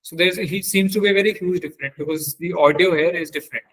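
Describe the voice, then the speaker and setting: Leading a technical webinar, a man with a somewhat high-pitched, fairly bright voice talks like a trainer walking through an on-screen demonstration. His intonation stays fairly even, but his explanation is halting, full of repeated phrases and self-corrections. The recording is rough.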